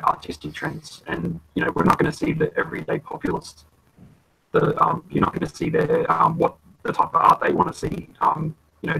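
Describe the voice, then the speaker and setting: A man's voice: on the high side, gravelly, pushed and bright, breathy edge, poor audio. A man in a casual online hangout, ranting hesitantly with lots of fillers. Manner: hesitant, filler-heavy, loose rant. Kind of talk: casual political discussion. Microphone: home computer mic on a video call.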